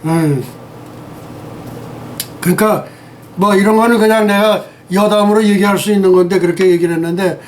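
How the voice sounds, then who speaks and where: An elderly man in his eighties preaches with a high-pitched voice, rambling and scolding as he goes. He is teary and sniffling, throwing out insults and demanding again and again whether his listeners understand. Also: fairly even intonation, normal speed, pauses often, a little hiss or hum. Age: 80s. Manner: angry, scolding, hurls insults, asks listeners if they understand. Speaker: pastor. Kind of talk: rambling sermon and political rant.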